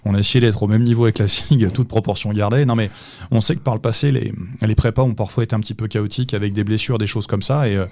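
A man who is an assistant basketball coach, giving measured, explanatory answers in a podcast interview with touches of dry humor. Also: fairly low pitch, fairly even intonation, a little mellow, no room sound.

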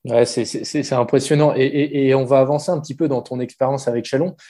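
A male interviewer who reacts with quick enthusiasm and steers his guest on to the next topic. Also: mid-range voice, steady tone, dark tone. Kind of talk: interview questions.

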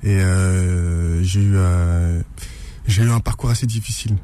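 A man's voice: deep voice, steady tone, unhurried, warm tone, a little hiss or hum. A man from France, a guest author in a radio interview, speaking hesitantly with many fillers and restarts.

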